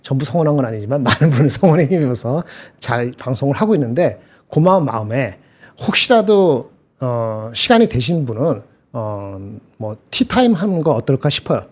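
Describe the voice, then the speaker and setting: Man, husky, quick, lively pitch, rambling casual chat. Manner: rambling, self-correcting. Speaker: market commentator.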